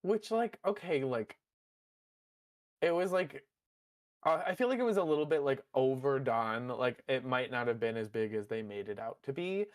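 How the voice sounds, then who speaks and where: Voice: medium pitch, lively intonation, normal speed. A co-host on a casual recap podcast who rambles with lots of "like" and laughs often.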